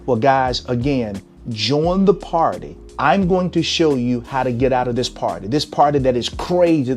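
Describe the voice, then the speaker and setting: A man's voice: on the high side, darkish tone. A man hosting a motivational money talk to camera as a cash flow strategist, emphatic and coaxing as he addresses his viewers. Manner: emphatic and coaxing, often urging "come on".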